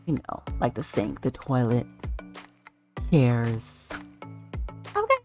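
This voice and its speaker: Woman vlogger, low voice with big swings, over soft background music. Excitable, gushing tour host who talks straight to her viewers. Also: slow pace. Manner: gushing, excitable, repeats herself for emphasis. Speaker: vlogger giving a virtual home tour. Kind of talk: casual chatty tour narration.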